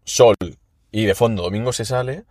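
A man chatting casually as a podcast co-host, relaxed and filling his talk with "tío". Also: medium pitch, moderate pace, no echo. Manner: laid-back, peppers speech with "tío", animated when mimicking others. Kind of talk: casual chat.

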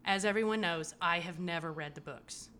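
A woman's voice: on the low side, normal speed, bright, forceful tone, a little hiss or hum. A woman co-hosting a podcast, chatting casually and swearing as she recaps an episode. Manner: chatty, swearing, laughing often. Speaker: podcast co-host.

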